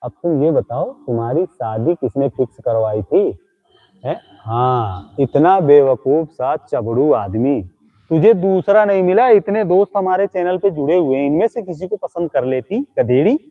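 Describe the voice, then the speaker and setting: A man hosts a comedy live stream, heaping teasing insults on ghosts he pretends are in front of him. His voice sits a little high. The sound is thin and tinny, like it's coming through a phone. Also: expressive, normal speed. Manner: mocking, scolding, teasing insults. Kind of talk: comic live stream talking to imagined ghosts.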